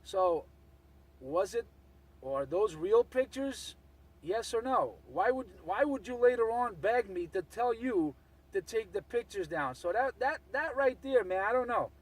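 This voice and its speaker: A truck driver's voice comes over the CB radio, set back from the mic and sounding distant. He airs his grievance in a slightly high male voice and often circles back to repeat his point. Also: lively intonation, unhurried. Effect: heard over CB radio.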